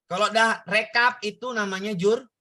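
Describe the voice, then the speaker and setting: Bright-voiced male tutor, coaxing. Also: high-pitched. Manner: repetitive, coaxing questions to students. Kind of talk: online exam-prep lesson.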